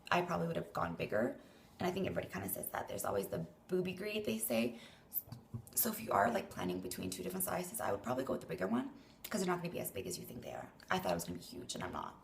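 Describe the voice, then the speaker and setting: A young Canadian vlogger with a lowish, creaky voice sounds tired and weak after surgery, with a little hiss or hum on the recording. She rambles hesitantly through a casual vlog, trailing off breathily into near-whispers.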